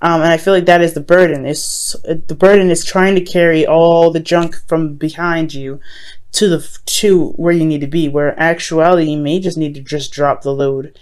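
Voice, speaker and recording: A woman's voice: low-pitched, fairly even intonation, moderate pace, a little mellow, smooth. A woman giving a mystical tarot horoscope reading in a casual, conversational way, advising listeners directly and often circling back to rephrase herself. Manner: hesitant, often repeats and rephrases phrases. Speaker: tarot reader.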